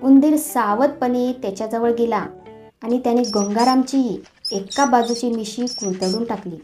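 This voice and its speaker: A woman tells a children's storybook tale in an expressive, lively way. Her voice sits a little high with a soft, mellow tone. Light music plays faintly underneath. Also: a little slow. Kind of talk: scripted storybook narration.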